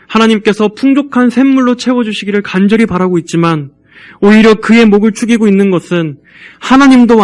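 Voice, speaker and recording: A male pastor delivering a church sermon, earnestly urging the congregation in a measured way. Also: sits high.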